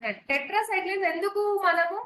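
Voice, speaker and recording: A woman's voice: very high voice, racing, bright, forceful tone, reverberant, low-quality recording. A woman with a Telugu accent teaching a pharmacy exam-prep lesson, switching between Telugu and English and repeating key points. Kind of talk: online exam-prep lecture.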